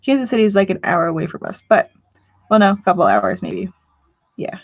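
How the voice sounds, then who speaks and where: A woman's voice: mid-range voice, sing-song, fairly quick, no room sound, highs cut off. Chatty woman hosting a home live stream. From Missouri. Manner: chatty, joking, reads out viewer comments. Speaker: live stream talk show host. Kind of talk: casual live stream chat. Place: home living room.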